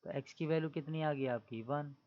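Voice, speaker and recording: Speaking a little fast in a slightly high voice, a man teaches maths to a class over dull audio. He walks through the explanation one step at a time, asks the students questions as he goes, and keeps dropping in the tag "theek hai na."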